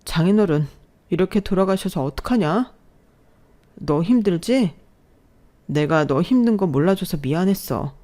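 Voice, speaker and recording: In a storybook drama, a two-faced husband begs and wheedles in a soft, fawning voice, voiced by a woman narrator. He sounds insincere. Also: on the low side, lively intonation, normal speed, pauses often, lightly acted. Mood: pleading. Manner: pleading, fawning.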